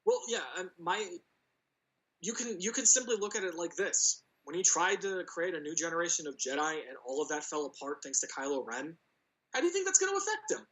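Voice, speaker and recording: A man's voice: fairly high pitch, fairly quick, fairly bright tone, low-quality recording. A man co-hosting a podcast in casual chat, rambling with lots of restarts and cursing freely. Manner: rambling, stammering restarts, heavy swearing. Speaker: podcast co-host.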